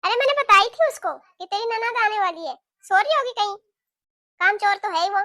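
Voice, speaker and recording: A woman voicing a sharp-tongued, nagging middle-aged mother-in-law in a cartoon, talking in a scolding, taunting way. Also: extremely high pitch, animated, moderate pace, no echo, clean studio sound, full character voice. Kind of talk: cartoon voice acting.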